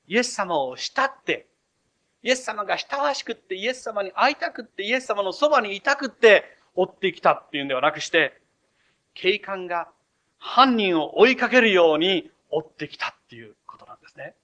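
A man's voice: high-pitched, big pitch swings, moderate pace, a bit bright. A male pastor preaching an expository sermon, retelling scripture in a storytelling way with acted voices.

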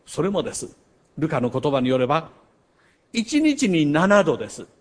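An older man preaching a sermon. He tells stories, rising to loud emphasis and dropping to hushed asides. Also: on the high side, big pitch swings, normal speed. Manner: storytelling with wide swings between loud emphasis and hushed asides. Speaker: pastor.

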